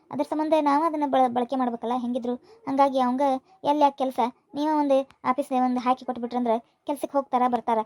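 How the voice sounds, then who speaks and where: Earnest young daughter, voiced by a woman: high, quick, North Karnataka accent, reassuring. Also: dark tone, dry recording. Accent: North Karnataka Kannada. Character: dutiful grown daughter, earnest and soothing.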